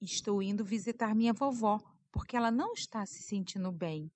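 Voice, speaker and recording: A woman voicing a sweet, cheerful little girl who speaks in bright, wide-eyed exclamations. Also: medium pitch, fairly quick, no room sound, natural voice.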